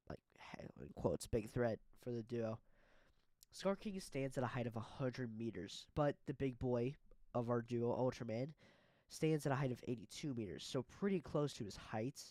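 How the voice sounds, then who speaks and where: Mellow-voiced man, hesitant casual commentary. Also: mid-range voice, dry recording. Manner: hesitant, filler-heavy delivery. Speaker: YouTube battle-video host.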